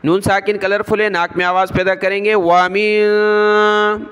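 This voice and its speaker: A man teaching Quran reading, spelling out letters one by one and then reciting each verse slowly and drawn out. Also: high voice, level tone, a bit bright, clean tone, soft background music.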